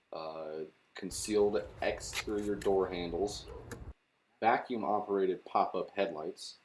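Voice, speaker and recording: A young man co-hosting a podcast speaks in a fairly low, darkish voice, keeping the chat casual and laid-back. He reads out car facts with lots of fillers and the occasional swear word.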